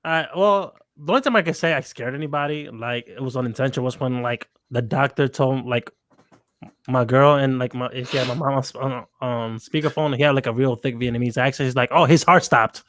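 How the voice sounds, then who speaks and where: A man's voice: mid-range voice, brisk. A man on a video call telling a story in a laid-back, slangy way, checking in with "right?" as he goes. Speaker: podcast guest. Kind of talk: casual storytelling chat.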